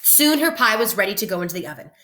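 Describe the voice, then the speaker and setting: A woman with a medium-pitched, very lively voice speaks like an elementary teacher at story time. She is encouraging and expressive, keeping her words simple for young listeners. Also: fast. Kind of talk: children's read-aloud with casual talk to families.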